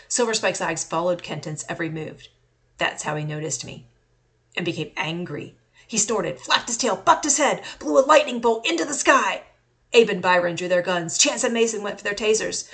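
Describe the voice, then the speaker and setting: A woman author reading her own first-person fantasy story aloud, in a steady storytelling manner. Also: fairly low pitch.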